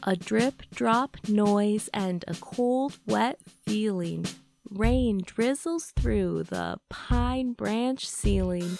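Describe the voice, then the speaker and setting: A woman host narrating a rhyming children's story in a gentle, rhythmic way, voicing its splashes and scoots with play. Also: fairly high pitch, creaky. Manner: gentle, rhythmic reading with playful sound words. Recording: soft music behind the voice.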